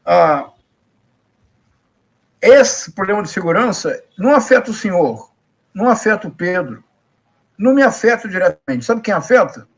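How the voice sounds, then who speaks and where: A man's voice: sits high, sing-song, normal speed, long pauses. A middle-aged man with a Rio de Janeiro Brazilian accent gives live political commentary in an emphatic, didactic way, leaning on repetition and rhetorical questions. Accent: Rio de Janeiro Brazilian Portuguese.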